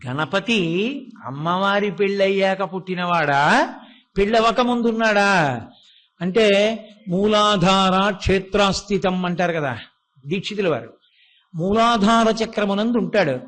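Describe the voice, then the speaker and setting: A man with a high, slightly bright voice delivers a devotional religious discourse. He narrates a story, voices its dialogue himself, and raises rhetorical questions that he goes on to answer.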